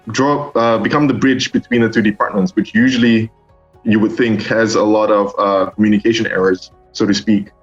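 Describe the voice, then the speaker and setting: Young male student from Singapore, low-pitched, hesitant, faint music under a dull recording. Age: young adult. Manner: hesitant, many ums and restarts. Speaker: master's student. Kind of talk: interview answers.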